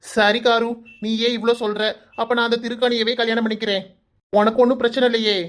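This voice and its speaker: A woman's voice: on the high side, flat delivery, fast, lightly acted. A woman voicing a teasing, exasperated young man in a cartoon, with a Kanyakumari Tamil accent, coaxing and playfully scolding. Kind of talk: cartoon voice acting.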